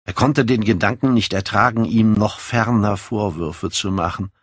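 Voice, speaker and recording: A man narrating a classic novel as an audiobook, measured and even. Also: fairly low pitch, no echo, clean studio sound.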